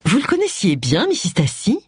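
A woman's voice: medium pitch, huge pitch swings, fairly quick, a little mellow, slightly rough, no room sound, clean studio sound, voice pushed up, heavily acted. A woman voicing a determined middle-aged amateur detective in an audiobook.

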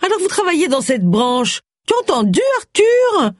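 A reader voicing a shrill, crude and bossy nouveau-riche wife in an audiobook. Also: female voice, very animated, normal speed, no room sound, clean studio sound. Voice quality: piercing, shrill.

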